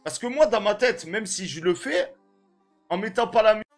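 A young man with a French accent, a gaming streamer giving slangy pack opening commentary and shouting when a good card comes up. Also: high-pitched, lively intonation, a little fast, soft background music.

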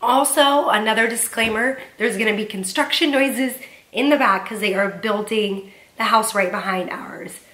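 A home vlogger and mom in her thirties from Southern California keeps it upbeat and chatty in a casual cleaning and decorating vlog shot in her living room, often saying "um." Getting over a cold leaves her voice slightly off; it's on the high side, a bit bright, at normal speed.

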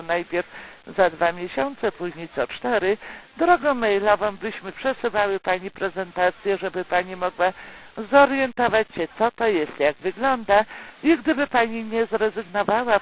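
A woman working as a telemarketer, delivering a polite, persuasive, partly scripted sales pitch and checking often for agreement. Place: recorded phone call. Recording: tinny phone line with loud noise.

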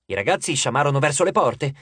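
A man narrating an audiobook in an expressive storytelling manner, close to the mic. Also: mid-range voice, fast talker, breathy edge, dry recording. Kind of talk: scripted narration.

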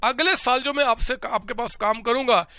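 A man's voice: extremely high pitch, normal speed, pushed and bright, no room sound. A male teacher voicing a pleading employee who begs his boss for money, in an urgent tone.

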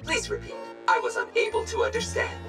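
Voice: mid-range voice, huge pitch swings, brisk, creaky, far from the mic, music in the background. A polite, stiff robot butler. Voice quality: stiff, formal, repetitive. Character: polite robot butler, glitching and repeating itself. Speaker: household robot. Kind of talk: cartoon voice acting.

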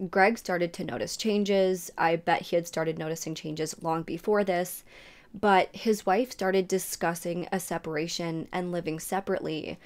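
A woman hosting a true crime show, recounting a case in a casual storytelling way with personal asides. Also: lowish voice. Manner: conversational, adds personal asides.

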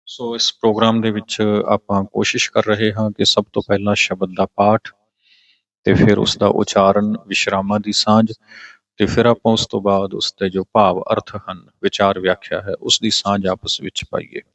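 A man with a Punjabi accent teaching a scripture passage. He chants the verses slowly, then patiently explains pronunciation and meaning. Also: on the low side, creaky, no room sound, muffled recording. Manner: patient, corrects pronunciation step by step. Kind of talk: religious scripture exposition.

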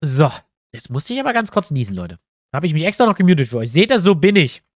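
A man's voice: on the high side, sing-song, quick pace, no room sound, clean studio sound. A man with a stuffy nose, chatting casually to his viewers as he thinks aloud through building a map in a tutorial. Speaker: YouTuber building a tabletop map. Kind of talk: casual screen-recorded tutorial.

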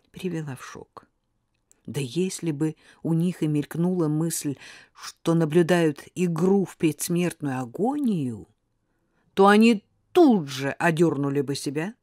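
Woman audiobook narrator, lowish voice, measured expressive reading, dry close sound. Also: no echo.

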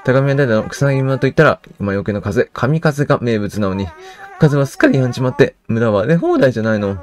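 A man's voice: mid-range voice, big pitch swings, a little fast, natural voice. A man reading aloud a gossiping middle-aged village woman in a video game, chatty and rumor-spreading. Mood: gossipy.

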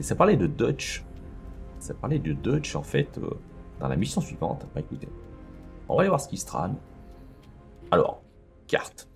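A man's voice: on the low side, gravelly, darkish tone. A man hosting a let's play, chatting casually and thinking aloud with lots of fillers as he plays. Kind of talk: casual gameplay commentary.

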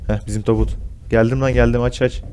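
A young man giving casual horror game commentary, swearing a lot and yelping and shouting when he gets startled. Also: medium pitch, level tone, quick pace, slight background noise. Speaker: gaming YouTuber.

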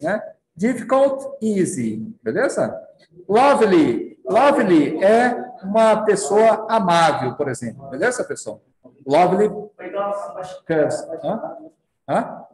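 A Brazilian Portuguese-speaking man teaching English vocabulary, checking in with his students after each point and slowly sounding out the English words. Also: a little high, darkish tone, reverberant, rough recording. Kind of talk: classroom lesson.

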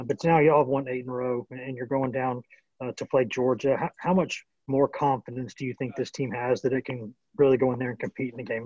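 A man's voice: mid-range voice, a little mellow, dry recording, lo-fi sound. A male sports reporter asking long, rambling questions at a press conference over a video call.

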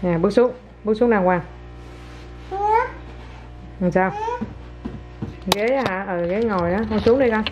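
Chatty mom, lo-fi. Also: female voice, medium pitch, measured pace, pauses often, music in the background. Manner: chatty, coaxing and playful, often laughing. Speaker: mother and vlogger. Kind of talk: casual home chat to a toddler and viewers. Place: home, indoors. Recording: dull lo-fi home video with faint noise.

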